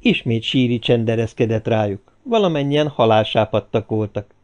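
A man narrating an audiobook in a steady, even storytelling manner. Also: mid-range voice. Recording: dull lo-fi recording.

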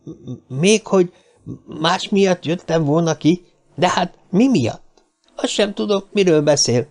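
A male narrator voices a small, brash man in a storybook, cheeky on the surface and scared underneath. The voice sits well above the reader's own and keeps a gravelly edge. When cornered he stammers and drags out his words. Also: fairly high pitch, lively intonation, a little mellow, voice pushed up. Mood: defensive. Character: small nervous cigar-smoking man, cheeky.

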